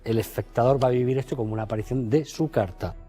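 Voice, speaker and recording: A man walks through a card routine in relaxed, chatty speech. His voice is mellow and warm, and he jumps into higher voices when acting out his patter. Faint music plays behind him. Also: fast, slightly rough. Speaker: magician teaching a card routine. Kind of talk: casual spoken magic lesson.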